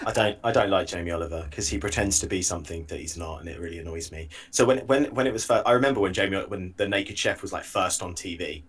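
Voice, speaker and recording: A man co-hosting a casual podcast chat with wry, deadpan banter. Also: low voice, quick pace, hardly any pauses, breathy edge. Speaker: podcast co-host.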